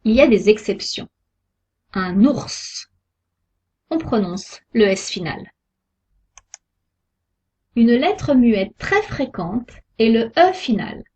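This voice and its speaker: A woman giving a scripted pronunciation lesson, sounding out each example word slowly and carefully. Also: fairly high pitch, lively intonation, darkish tone, husky. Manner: slow, careful, deliberate articulation of example words. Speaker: French pronunciation teacher. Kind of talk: slow scripted lesson narration. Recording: dull lo-fi recording.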